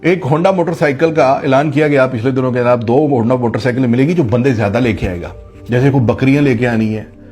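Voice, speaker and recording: A man's voice: medium pitch, a little fast, a little mellow, breathy edge, soft background music. Impassioned sarcastic political commentator, man. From Pakistan. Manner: impassioned, sarcastic, rhetorical questions.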